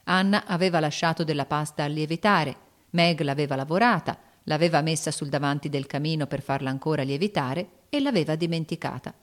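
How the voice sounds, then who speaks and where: A woman reading a classic novel aloud as narrator, steady and even. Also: low voice, brisk. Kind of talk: scripted audiobook narration.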